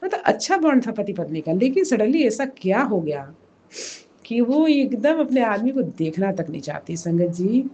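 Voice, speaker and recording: Hoarse woman pleading softly. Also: medium pitch, big pitch swings, dull audio. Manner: pleading, speaks slowly and softly. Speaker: devotee sharing a testimony. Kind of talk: emotional personal testimony.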